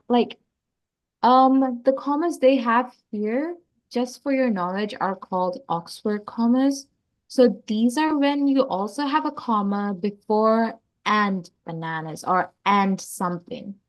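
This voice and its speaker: A woman explaining grammar to young children in a casual, chatty way, often saying "like" and restarting sentences. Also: a little high. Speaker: teacher.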